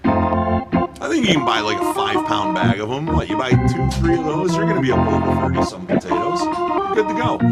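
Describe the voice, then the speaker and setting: Joking hockey announcer with rink organ. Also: male voice, medium pitch, sing-song, a little fast. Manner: playful roast humor. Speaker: play-by-play announcer. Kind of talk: joking amateur hockey commentary. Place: rink booth.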